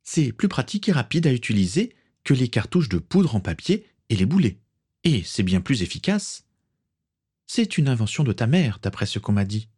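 A man voicing a calm, firm woman pirate swordswoman in a storybook reading. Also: mid-range voice, moderate pace, slightly rough, pitched above the performer's own voice.

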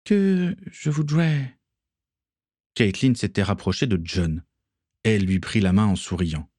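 A man reading a story aloud, narrating in an even, measured way. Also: low voice, no room sound, clean studio sound.

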